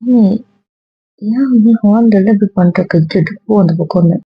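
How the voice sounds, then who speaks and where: A woman acting as a gentle, coaxing wife in a homemade family drama, speaking softly with a slightly husky tone. The sound is muffled and dry. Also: mid-range voice, normal speed.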